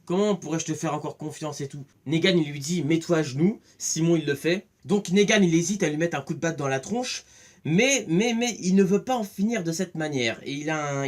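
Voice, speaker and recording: A talkative man giving a casual, rambling spoken review, excitable and full of restarts. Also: a little high. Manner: chatty, rambling, many restarts and fillers; excitable, acts out scenes with voices. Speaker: film and series reviewer.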